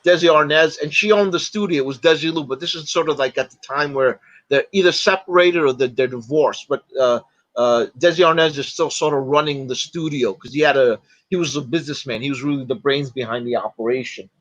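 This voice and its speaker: A man chatting as a podcast guest, retelling stories in a halting way, full of fillers and restarts. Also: medium pitch, fairly bright tone, lo-fi sound. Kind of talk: casual podcast chat.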